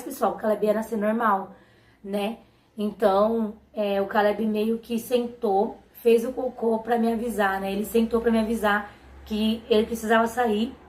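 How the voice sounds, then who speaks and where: A young woman with a Brazilian Portuguese accent shares her personal testimony in a somewhat high voice, earnest and often turning to her viewers. The sound is echoey, as if recorded in a bare room. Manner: earnest, often turns to the audience. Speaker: mother giving a faith testimony.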